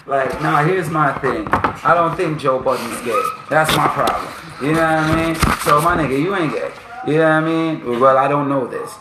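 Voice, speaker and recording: A man's voice: fairly high pitch, moderate pace, hardly any pauses. A man in casual, profane, joking banter on a podcast. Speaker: podcast co-host. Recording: echoey room, mic at a distance, background noise.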